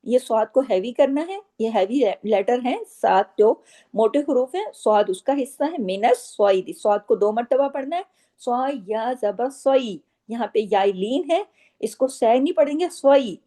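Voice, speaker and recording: A woman teaching Quran recitation, patiently explaining each rule and repeating words slowly. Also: a little high, dark tone. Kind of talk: slow tajweed lesson with recited phrases.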